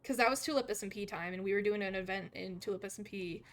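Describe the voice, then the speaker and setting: A woman chatting casually on a gaming livestream, excitable and giggly, given to exclaiming. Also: medium pitch, fast. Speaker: game livestream host. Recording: clear background noise.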